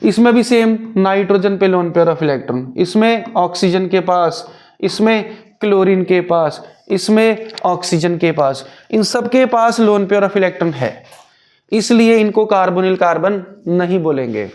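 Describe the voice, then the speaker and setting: A man's voice: high voice, takes it slowly, darkish tone. A male chemistry teacher, explaining step by step and asking and answering his own questions. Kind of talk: Hindi-English chemistry lecture.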